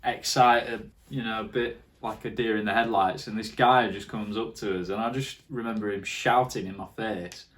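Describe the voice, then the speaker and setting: A man's voice: on the low side, steady tone, normal speed, hardly any pauses, a bit bright. A young man, casually talking over travel footage and recounting stories with a friend. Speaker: vlog co-host. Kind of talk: casual travel vlog commentary.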